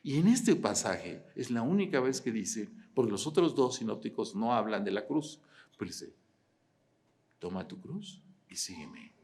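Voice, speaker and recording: A man, preaching an animated sermon with rhetorical questions, swinging from loud to quiet. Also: medium pitch, measured pace. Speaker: pastor.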